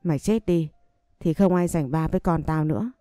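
A woman's voice: low-pitched, normal speed, warm tone, no echo, clean studio sound, soft background music, close to an everyday voice. A woman voicing a cruel sneering villainess. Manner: taunting, contemptuous.

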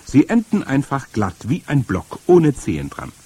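A man reading aloud and voicing a stern old grandmother who explains things firmly, with a husky voice. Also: medium pitch, huge pitch swings, dark tone, voice pushed up. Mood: stern, lecturing. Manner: firm, lecturing, drawn-out emphasis. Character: stern old grandmother, matter-of-fact storyteller. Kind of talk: audiobook reading.

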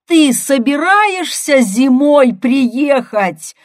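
A woman's voice: medium pitch, big pitch swings, slow pace, warm tone. A woman voicing an exasperated young man who raises his voice indignantly, in an audiobook reading. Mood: shouting. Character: young man, exasperated brother, quick to shout.

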